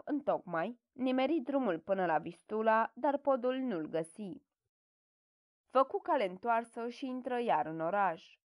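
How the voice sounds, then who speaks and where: A woman's voice: fairly high pitch, darkish tone, dry recording. Woman narrating an audiobook, dry and close. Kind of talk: scripted narration.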